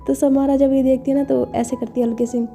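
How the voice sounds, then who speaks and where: A woman's voice: high voice, level tone, a little fast, dark tone, faint music behind. A woman narrating a romance audio story in a chatty, casual way with laughing asides.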